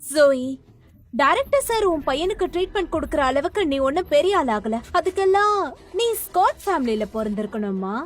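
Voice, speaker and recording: A scornful rich young villainess, bossy and sneering. Her voice sits very high and swings up and down. She keeps ordering people about. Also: sing-song, normal speed. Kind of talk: dubbed drama.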